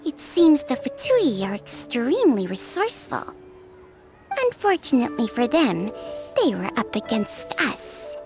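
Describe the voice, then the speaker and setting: A woman's voice: a little high, sing-song, unhurried. A woman voicing a small, eager, childlike girl companion in a video game, earnest and inquisitive. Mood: curious, proud. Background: background music.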